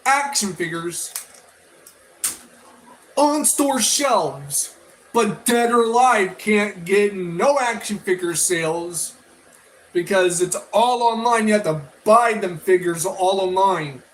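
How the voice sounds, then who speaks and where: On a rough recording, a high-voiced man who reviews toys and media talks casually through his opinions, vlog style. He goes slowly and hesitantly, drawing out words, and wanders as he rambles, often repeating himself or starting phrases over.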